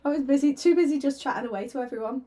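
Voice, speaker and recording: An artist livestreams a painting session, chatting casually and giggling nervously into a desk microphone. Her high-pitched, warm voice comes out rapid-fire, though a sore throat leaves it slightly hoarse.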